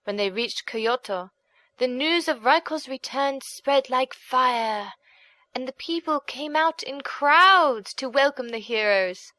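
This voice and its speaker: A woman narrates a folk tale as an audiobook narrator, her storytelling measured, expressive, and dramatic. Her voice sits high, and there's no room sound.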